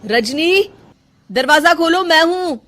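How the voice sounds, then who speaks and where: A woman's voice: very high-pitched, expressive, slow, bright, forceful tone, exaggerated voice. A woman voicing a worried young husband in a cartoon story, asking earnest, pressing questions. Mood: worried pleading.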